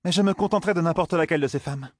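A man's voice: a little high, racing, dry recording, clean studio sound, pitched above the performer's own voice, lightly acted. A man reading an audiobook, voicing a cheerful yet vengeful young woman.

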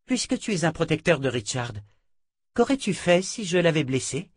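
A man's voice: on the high side, very animated, moderate pace, no room sound, studio quality, voice pushed up. A man voicing an eager, curious young woman who asks blunt questions.

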